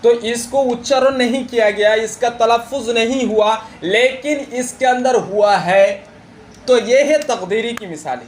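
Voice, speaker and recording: A man teaching a religious grammar lesson. He talks slowly, repeats the key terms and keeps asking his students questions. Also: very high-pitched, a little hiss or hum. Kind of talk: classroom lesson on Arabic grammar.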